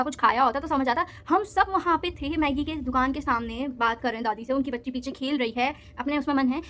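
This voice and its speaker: A young woman telling a story in a casual vlog, animated and mixing in English phrases. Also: high-pitched.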